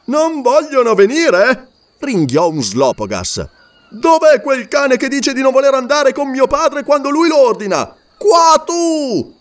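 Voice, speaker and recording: A hot-tempered warrior chief bellowing threats, as a man puts him on for an audiobook. The voice is pitched high and swings widely, loud and theatrical. He sounds proud, fierce and ready to fight. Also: very animated, slow pace, exaggerated voice. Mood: furious.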